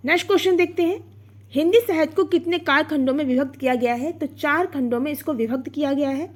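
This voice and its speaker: Woman exam tutor, high voice, patient step-by-step explainer who quizzes and answers herself. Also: fast talker. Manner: explanatory, asks and answers own questions; sounds out vowels and syllables. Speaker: exam prep teacher. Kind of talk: online Hindi grammar lesson.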